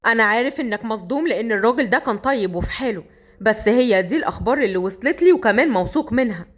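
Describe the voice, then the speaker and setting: A woman voicing a tough, hot-tempered young man from Upper Egypt with an Egyptian accent, speaking in a lowered, commanding voice. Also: expressive, racing. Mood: angry.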